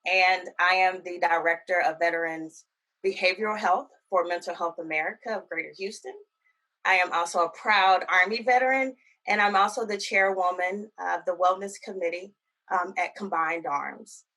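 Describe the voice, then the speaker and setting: A woman introducing herself as a director on an online panel, speaking in a measured way with frequent pauses. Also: on the low side, fairly even intonation, sharp tone. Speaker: veterans health director. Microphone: video call.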